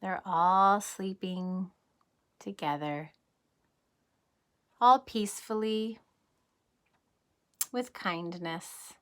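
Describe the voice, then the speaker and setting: Taking on a kindergarten teacher's role, a woman gently and expressively reads a picture book, posing questions to those listening. Her mid-range voice draws out words, and she pauses often.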